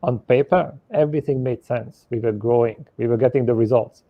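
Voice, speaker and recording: A man's voice: medium pitch, fairly quick, no room sound. A man from Hungary, a guest telling his story in a candid, matter-of-fact way. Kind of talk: conversational storytelling. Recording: dry, lo-fi audio.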